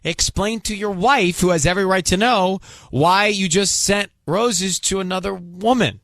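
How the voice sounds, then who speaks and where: Male radio host, slightly high voice, dry studio sound, firm and steady when pressing a caller. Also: normal speed, no room sound. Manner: calm, firm, pressing questions. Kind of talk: radio call-in segment hosting.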